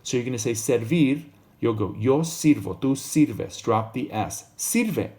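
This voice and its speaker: A man explaining Spanish grammar in a casual lesson, modelling each Spanish phrase slowly and more loudly than his English. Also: medium pitch, lively intonation. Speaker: Spanish teacher.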